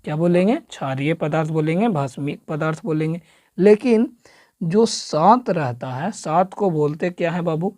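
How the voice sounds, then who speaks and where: A coaching teacher delivers an exam-prep science lecture, quizzing the listener with repeated questions and drilling the answers. His voice is a little high and darkish, at normal speed with few pauses. The recording is clean studio sound with no echo.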